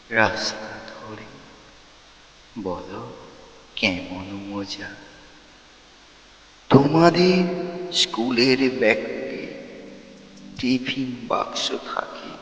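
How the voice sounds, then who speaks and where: A man recites his own poem at a very slow, deliberate pace, circling back to a refrain. His voice sits a little low. The room is roomy, with a long reverb tail. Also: fairly bright tone. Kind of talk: Bengali poetry recitation. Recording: echoey room with long reverb and faint music.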